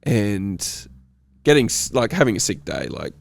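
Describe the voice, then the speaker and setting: A man's voice: fairly low pitch, sing-song, unhurried, vocal fry, no room sound, clean studio sound. A man chatting casually as a podcast co-host, his voice nasal from a cold, laughing often as he talks. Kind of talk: casual chat.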